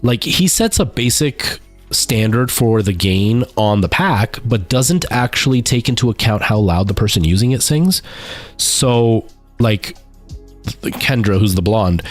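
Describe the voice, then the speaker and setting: Low-pitched man chatting casually on stream. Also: dry recording. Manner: self-deprecating, candid. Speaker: streamer chatting with viewers, stage musical performer. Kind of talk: casual livestream chat.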